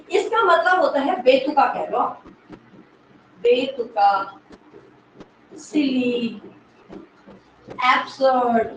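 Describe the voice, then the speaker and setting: A woman English literature teacher giving an exam-prep lecture, explaining slowly, repeating key words and quizzing the class. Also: sits high. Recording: echoey room, mic far from speaker, faint noise.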